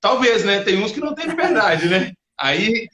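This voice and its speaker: A man's voice: sits high, very animated, normal speed, bright, forceful tone. Echoey male interview host. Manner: reflective, tags sentences with "né" and "não é mesmo". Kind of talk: interview talk. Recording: roomy echo.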